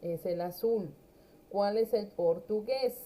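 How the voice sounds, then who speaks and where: Mellow-voiced woman teaching English slowly. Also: medium pitch, rough recording. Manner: explains step by step, mixing Spanish with slow, carefully spoken English. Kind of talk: recorded class lesson explaining a textbook.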